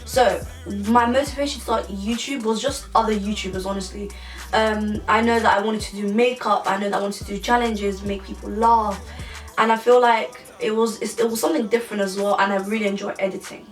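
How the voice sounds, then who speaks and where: A woman's voice: mid-range voice, steady tone, a little fast, distant mic. A woman, chatting casually through a Q&A for her vlog, rambling with many restarts. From England. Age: 20s. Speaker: YouTuber. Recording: echoey room, voice a bit off-mic, music behind.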